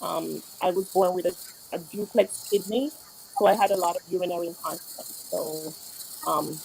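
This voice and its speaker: A woman's voice: lowish voice, steady tone, normal speed, gravelly, a little mellow, a little hiss or hum, poor audio. Earnest woman. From Jamaica. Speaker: author and registered nurse. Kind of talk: interview.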